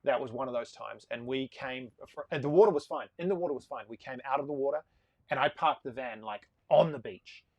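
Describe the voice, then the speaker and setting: A man of about forty, a sailing charter boss talking as a guest in a casual live-stream interview, a lively storyteller who talks in quick bursts. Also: mid-range voice, no echo, dull audio.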